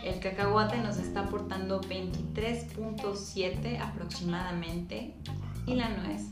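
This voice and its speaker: A woman, a nutrition expert in a casual chat, calmly giving figures and advice. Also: mid-range voice, unhurried. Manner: calm, informative, reads figures steadily. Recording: roomy room with music behind.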